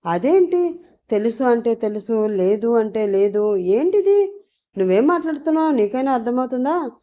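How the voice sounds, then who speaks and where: A stern, jealous young man scolds and mocks with sharp sarcasm, as a woman narrator puts him on. The voice stays mellow and warm. The audiobook sound is dull and lo-fi. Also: mid-range voice, animated, moderate pace, natural voice. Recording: dull lo-fi recording.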